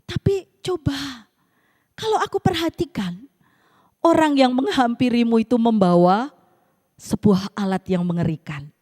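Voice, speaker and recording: A woman voicing a small, gentle spinach plant that speaks earnestly and with pity to a proud tree. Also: on the high side, measured pace, long pauses. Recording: reverberant church hall.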